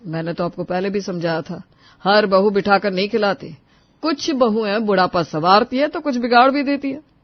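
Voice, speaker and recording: A woman voicing a calm, sensible young adult son in a cartoon. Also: medium pitch, normal speed, no echo, close to an everyday voice. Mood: reasoning. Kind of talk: cartoon voice acting. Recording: dull lo-fi voice-over.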